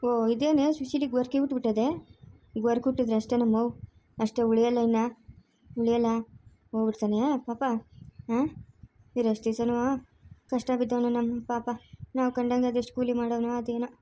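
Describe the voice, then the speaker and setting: A woman's voice: a little high, flat delivery, a little fast, long pauses, mellow, a little hiss or hum, natural voice. A woman voicing a talkative, pitying old village grandmother who chats and sighs.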